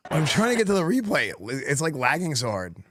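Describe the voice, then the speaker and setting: A man's voice: a little high, very animated, fairly quick, fairly bright tone, no echo, clean studio sound. A man livestreaming a game, chatting casually in a slangy, exclamatory way. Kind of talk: casual reactions to chat while gaming.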